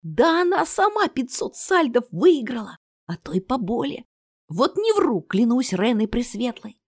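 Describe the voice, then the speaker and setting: A woman's voice: on the high side, normal speed. A woman voicing an eager young market boy telling gossip, in an audiobook reading. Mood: excited. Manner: conspiratorial, excited.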